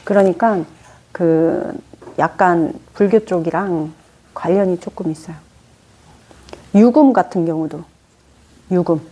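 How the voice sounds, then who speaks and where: A woman teaching a class on fortune-telling in an informal lecture, telling lively stories with acted-out quotes and asking her students questions. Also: fairly low pitch, measured pace, pauses often. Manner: chatty, poses questions to the class. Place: lecture room.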